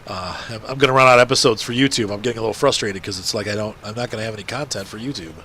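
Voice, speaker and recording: A man's voice: on the low side, very fast, sharp tone, a little hiss or hum. A man with a congested, blocked-up nose giving casual, rambling gameplay commentary as a video host. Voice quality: congested, blocked nose, nasal stuffy sound.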